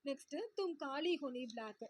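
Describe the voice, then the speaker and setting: A woman tutor who reads out a poem line by line and paraphrases each line simply, in a steady, repetitive teaching cadence. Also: sits high, normal speed, slight background noise. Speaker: Hindi exam tutor. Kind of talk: line-by-line poem explanation lesson.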